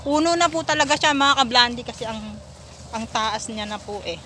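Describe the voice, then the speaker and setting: A woman's voice: on the high side, moderate pace, sharp tone. A woman in her thirties giving a chatty, giggly selfie tour of a rural farm, talking to her viewers on a handheld phone outdoors. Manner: chatty, giggly, addresses viewers as "mga kablandi". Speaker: vlogger. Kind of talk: casual selfie vlog tour. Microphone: phone at arm's length. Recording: phone recording with outdoor noise.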